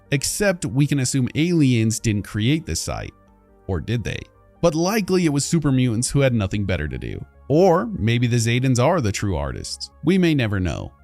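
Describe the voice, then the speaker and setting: A man's voice: medium pitch, a little mellow. Chatty male gaming lore narrator. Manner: casual, chatty, addresses viewers as "you guys". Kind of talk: scripted video narration.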